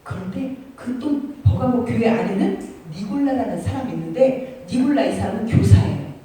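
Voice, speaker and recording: A woman teacher giving a sermon to children in church, telling the story in an animated way and speaking straight to the kids. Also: fairly high pitch, normal speed. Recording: very echoey room, mic far off.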